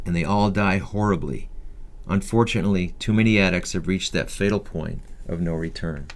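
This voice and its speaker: A man in his fifties with a deep, low-pitched voice reads aloud from his own personal memoir. It's scripted first-person narration, delivered audiobook-style by the author himself.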